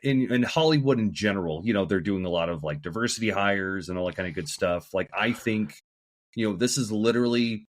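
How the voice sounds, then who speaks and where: A man's voice: on the low side, a little fast, no room sound, studio quality. A man from the American Midwest co-hosting a casual podcast, laid-back and full of "you know". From Midwest United States. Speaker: podcast co-host. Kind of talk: casual chat.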